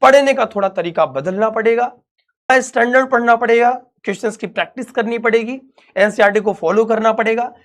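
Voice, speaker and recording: Calling the students his dear children, a young online physics teacher keeps things chatty and reassuring. His voice is very high and fairly quick.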